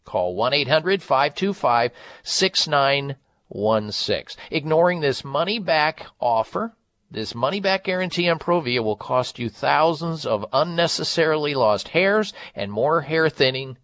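A man's voice: lively intonation, a little slow, fairly bright tone, dry recording. Man delivering a hard-sell American radio ad. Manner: hard-sell advertising pitch, emphatic and insistent. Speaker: radio health show host. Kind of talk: live-read radio ad.

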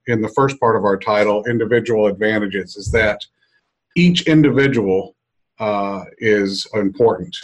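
A middle-aged American man with a fairly low voice hosts an unscripted podcast. He is reflective and deliberate, pausing often as he explains. He is recorded on a meeting room mic in an office conference room. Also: low-quality recording. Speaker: podcast host.

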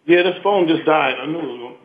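A man's voice: fairly high pitch, a little fast. Man on a breaking-up phone line. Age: 40s. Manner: apologetic, flustered by a dying phone. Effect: breaking-up speakerphone line. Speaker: guest competitor. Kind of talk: phone-in interview. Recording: crackly phone line cutting out.

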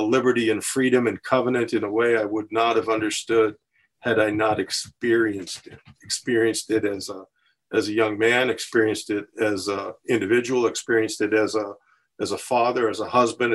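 An older man from the US West Coast, a podcast guest who speaks in measured, repeating phrases as he builds each point. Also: on the low side, little pitch movement. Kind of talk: conversational interview.

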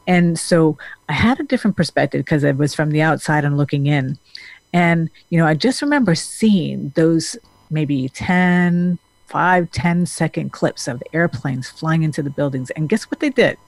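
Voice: mid-range voice, normal speed, no echo. A therapist from Denmark talking earnestly to the camera in a loose, rambling monologue, full of restarts and fillers. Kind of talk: casual talking-head monologue.

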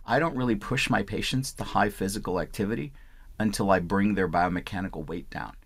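A physician from Punjab, India, answers interview questions in an explanatory way, repeating "I want" phrases. His voice is on the low side and his pace is brisk.

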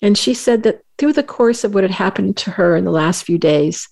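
A woman's voice: medium pitch, animated, gravelly, darkish tone. A woman hosting a talk show, speaking earnestly with frequent restarts and fillers. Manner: earnest, halting, with many restarts. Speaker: radio show host.

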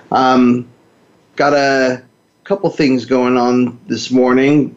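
A man presents a radio talk show in a conversational, explanatory monologue. He speaks in a measured way, pausing and correcting himself. The sound is echoey and somewhat dull, as if from a bare indoor space. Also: medium pitch, darkish tone. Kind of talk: conversational monologue on behavioral therapy.

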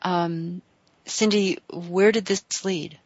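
A woman hosting a conversational interview show, with halting, measured phrasing. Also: lowish voice, fairly even intonation, no echo. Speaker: show host. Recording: slightly dull, lo-fi audio.

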